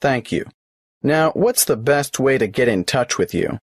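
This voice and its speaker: A businesslike tax clerk. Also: male voice, medium pitch, animated, measured pace, breathy edge, no room sound, clean studio sound. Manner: polite, questioning, businesslike. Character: male tax office clerk, helpful and procedural. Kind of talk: scripted exam dialogue.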